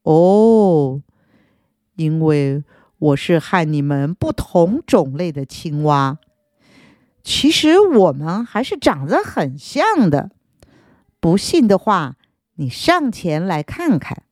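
A woman voicing a sly snake that pretends to be a friendly frog, speaking low, slow and coaxing. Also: sing-song, a little mellow, no echo, clean studio sound.

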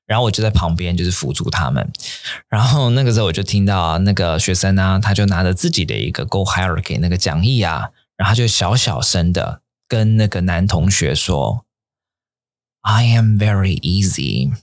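Man, low voice that swings widely, English teacher explaining phrases, dry close mic. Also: brisk, no echo. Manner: animated, mixes English phrases into Mandarin. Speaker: English teacher and podcast host.

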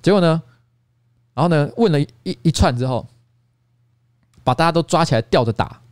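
A man's voice: a little high, expressive, normal speed, a little mellow, no room sound. A man in his forties with a Taiwanese Mandarin accent, hosting a casual livestream chat and rambling with many restarts and repeats. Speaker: podcast host. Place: office studio.

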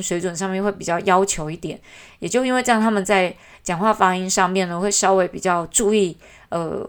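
A woman with a Taiwanese Mandarin accent, hosting a podcast in a chatty, animated way, with lots of "hou" particles. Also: lowish voice. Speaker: podcast host; works with kindergarten classes. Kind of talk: casual podcast monologue.

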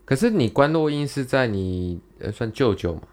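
A man's voice: mid-range voice, animated, normal speed, a little mellow. A man with a Taiwanese Mandarin accent, co-hosting a casual podcast chat with short questions and teasing remarks. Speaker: podcast co-host.

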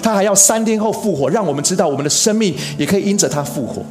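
A man delivering a sermon as a pastor, earnest, stressing phrases by slowing down and lifting his voice. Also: high voice, expressive. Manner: earnest, preaching with emphatic rises and slow stressed phrases.

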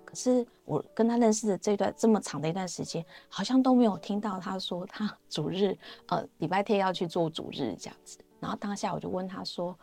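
A woman's voice: mid-range voice, brisk, creaky, few pauses, mellow, soft background music. A woman with a Taiwanese Mandarin accent sharing her personal faith testimony in a chatty, storytelling way, often trailing off with fillers.

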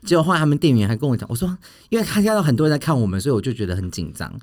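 A man's voice: medium pitch, big pitch swings, racing, a little mellow. A man, co-hosting a chat show and telling a dramatic story in a casual way. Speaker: podcast co-host.

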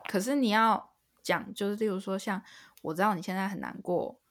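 A woman's voice: mid-range voice, a little fast. A young woman, co-hosting a casual podcast chat and venting in an exasperated, ranting way. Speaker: podcast co-host.

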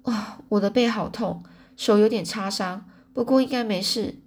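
A woman's voice: medium pitch, moderate pace, darkish tone, husky. A woman voicing a frightened, tearful teenage girl in an audiobook reading, earnest and upset. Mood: puzzled.

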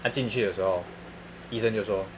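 A man's voice: on the low side, a little fast, a little hiss or hum. A man with a Taiwanese Mandarin accent telling funny stories in casual chat, laughing often and using crude slang.

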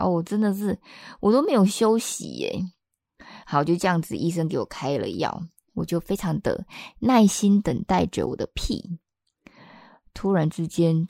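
A woman, hosting a podcast and telling a personal story in a chatty, expressive way. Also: on the low side, vocal fry, dry recording, studio quality. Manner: chatty and expressive, acts out the people she quotes. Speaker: podcast host.

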